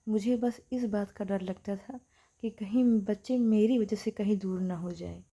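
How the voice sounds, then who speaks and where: A woman voicing an elderly mother, speaking softly and slowly, hurt and tearful. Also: mid-range voice, fairly even intonation, breathy edge. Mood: sorrowful. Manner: soft, slow, tearful and hushed.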